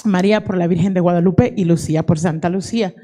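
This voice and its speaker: A woman's voice: on the low side, fairly even intonation, fast talker, warm tone. A woman in her forties giving an earnest personal testimony at a conference, dropping English words into her Spanish. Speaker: audience member giving testimony. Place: conference hall.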